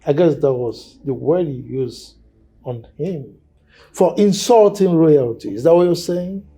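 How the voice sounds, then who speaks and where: Stern authoritative nigerian king, slow and forceful, bit high voice w big swings, film drama. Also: lively intonation. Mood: challenging. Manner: authoritative, commanding.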